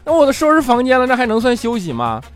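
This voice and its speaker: Man doing a lazy young guy, higher voice. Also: huge pitch swings, fast talker, soft background music, heavily acted. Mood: smug.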